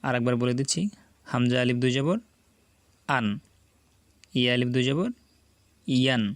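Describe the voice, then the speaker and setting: A man with a Bangladeshi Bengali accent teaching Quran reading. He spells out syllables slowly and deliberately, and asks the viewers to repeat after him. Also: mid-range voice, fairly even intonation, no room sound. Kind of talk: slow spelled-out recitation lesson.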